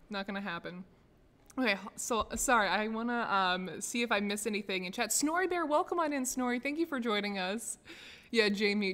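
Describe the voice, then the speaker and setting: A woman's voice: fairly high pitch, fairly bright tone, in a large hall. An American woman hosting a casual live stream, chatting and laughing often as she pokes fun at herself. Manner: laughs often, self-deprecating. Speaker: streamer host. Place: office.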